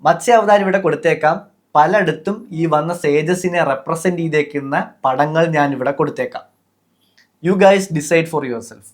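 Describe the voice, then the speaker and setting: A man's voice: fairly high pitch, a little slow. A man with a Malayali accent hosting a podcast, explaining things casually with many fillers and English words mixed in. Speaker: podcast host.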